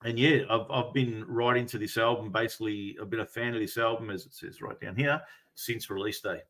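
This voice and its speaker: A middle-aged man chatting as a panellist and music fan, pausing hesitantly in the middle of phrases. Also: lowish voice, steady tone, fairly bright tone. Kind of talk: casual chat.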